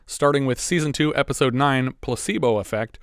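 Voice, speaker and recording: A man's voice: mid-range voice, a little fast, clean tone, dry recording. Chatty man recapping a film, dry sound. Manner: relaxed, chatty, recaps plot with asides. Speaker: podcast co-host. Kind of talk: casual movie recap and chat.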